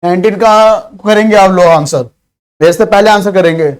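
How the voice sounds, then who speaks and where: High-voiced Bihari teacher, drilling quiz questions. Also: male voice, smooth. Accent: Bihari Hindi. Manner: reads questions slowly, explains in fast chatty Hindi. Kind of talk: exam-prep lesson.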